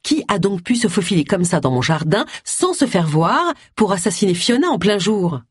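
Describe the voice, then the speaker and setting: A reader voicing a stubborn, sharp-minded middle-aged woman sleuth in an audiobook, thinking aloud with determination. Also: medium pitch, big pitch swings, moderate pace, breathy edge, no echo, studio quality. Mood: reasoning.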